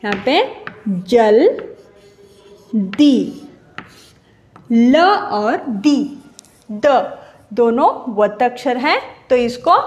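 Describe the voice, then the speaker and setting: Slow, drawn-out woman teacher. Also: a little high, darkish tone. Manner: slow, syllable-by-syllable spelling out of words; repeats each word drawn out. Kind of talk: grade-school Hindi grammar lesson.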